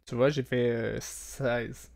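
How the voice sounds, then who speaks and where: A man running a tabletop role-playing game as game master, narrating in a relaxed way with frequent hesitations. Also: medium pitch, takes it slowly, gravelly, a little hiss or hum.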